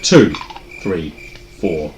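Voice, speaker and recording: A man's voice: low-pitched, sing-song, drawn-out words. A man speaking casually as dungeon master, narrating and making rulings at a tabletop game. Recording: very noisy, echoey room tabletop recording.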